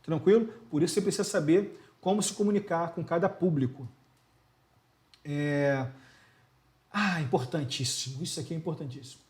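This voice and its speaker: Brazilian guy teaching to the camera, slangy, somewhat high voice, gestures a lot. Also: normal speed, a little mellow. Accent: Brazilian Portuguese. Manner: slangy, emphatic, asks rhetorical questions; gestures constantly while talking. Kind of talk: casual video lecture.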